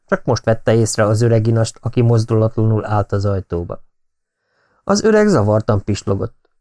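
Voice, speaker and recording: A man reading an audiobook novel in calm, measured narration. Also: on the low side. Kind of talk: scripted narration.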